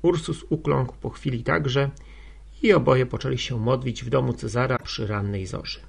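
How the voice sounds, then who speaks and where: A man narrating a classic novel as an audiobook in a steady reading manner. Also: medium pitch, normal speed, gravelly, slightly rough.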